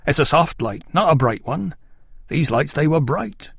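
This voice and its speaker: A man voicing an earnest, excitable male farmer who speaks with awe. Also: on the high side, unhurried, gravelly, breathy edge, no echo, clean studio sound, heavily acted. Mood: awed. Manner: eager, awed, excitable.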